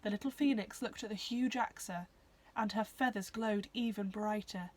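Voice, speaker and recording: A woman narrating a children's novel in a clear, expressive storybook reading. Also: mid-range voice, normal speed, low-quality recording.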